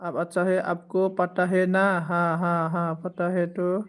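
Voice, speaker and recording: A man's voice: high-pitched, completely flat delivery, slow, fairly bright tone, smooth. A man in his twenties hosting a live stream, casually thanking viewers by name and consoling them. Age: 20s. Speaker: livestream host.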